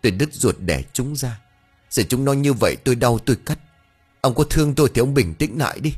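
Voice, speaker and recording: A man's voice: fairly low pitch, lively intonation, brisk, breathy edge, faint music behind. A man voicing an anxious, tearful old village wife who pleads fretfully. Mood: pleading.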